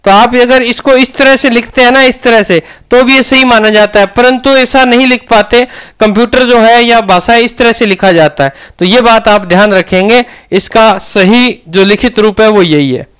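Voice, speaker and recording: A man's voice: very high-pitched, normal speed, hardly any pauses, a bit bright, clean tone. A man with a Rajasthani Hindi accent teaching a grammar lesson, often asking questions and answering them himself.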